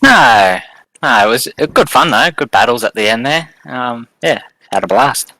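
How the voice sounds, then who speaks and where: A man, a race driver giving relaxed thank-yous after winning. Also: mid-range voice, moderate pace, dry recording, low-quality recording. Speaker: race driver, championship winner. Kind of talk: casual post-race interview.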